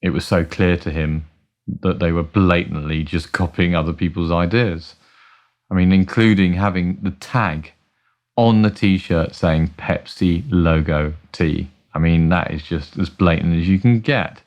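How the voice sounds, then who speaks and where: A man telling wry, animated stories in a documentary interview. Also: low voice, measured pace, dull audio. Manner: animated, wry anecdotes with playful quoted voices. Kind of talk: storytelling interview.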